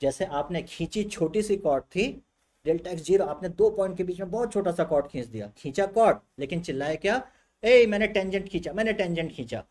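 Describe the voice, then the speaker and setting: An animated male physics teacher giving a classroom lecture. He keeps asking his students rhetorical questions and acts out what they might say, all in a voice pitched a little higher than most men's. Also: quick pace.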